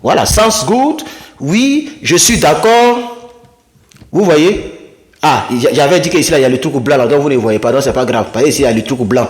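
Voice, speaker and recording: A man giving a casual lesson at a whiteboard, explaining phrases in a lively way and acting out short dialogues. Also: fairly quick. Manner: lively, acts out little dialogues in a higher voice. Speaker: English teacher. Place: room with a small whiteboard.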